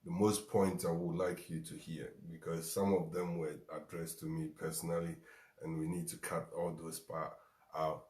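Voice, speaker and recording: A man's voice: sits low, darkish tone, reverberant. A man with a Ghanaian accent hosting a show, giving a motivational talk and repeating lines for emphasis. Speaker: show host.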